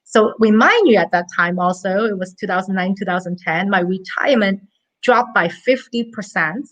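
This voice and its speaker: Woman from hong kong, thirties, interview guest, earnest, chatty, mid-pitched. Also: moderate pace, fairly bright tone, low-quality recording. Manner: earnest, chatty, with light laughs. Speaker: guest, money coach. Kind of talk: casual interview storytelling.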